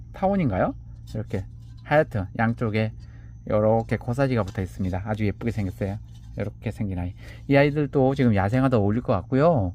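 Lively-pitched man casually selling pots. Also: slight background noise. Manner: gentle, chatty, measuring items aloud. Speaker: seller presenting handmade pots. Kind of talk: casual sales presentation. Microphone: camera on a table.

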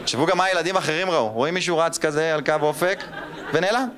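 A man in his thirties tells his stories on a theater stage, his voice a little high and full of swings between squeaky and gruff tones. Loud crowd laughter rolls in around him in this live show recording. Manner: animated, jumps into squeaky child and gruff mother voices. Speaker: stand-up comedian. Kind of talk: stand-up storytelling.

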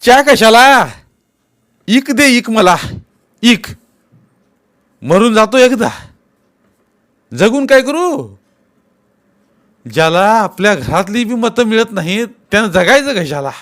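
A man's voice: high-pitched, animated, voice pushed up, heavily acted. A man voicing a furious, self-pitying village headman who scolds his old mother in a storybook reading. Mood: bitter despair. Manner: shouting, scolding, rapid-fire questions.

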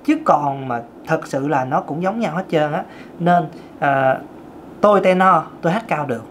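A vocal coach gives a casual singing lesson, talking straight to his viewers in a chatty way and demonstrating each vocal register as he explains it. His voice is fairly high and animated, at a moderate pace, with slight background noise.

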